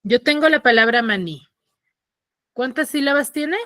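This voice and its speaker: A woman teaching online speaks with a Peruvian Spanish accent in a fairly high, animated voice at an unhurried pace. Using a computer mic on a video call, she walks students step by step through questions, and the audio is studio quality with no echo.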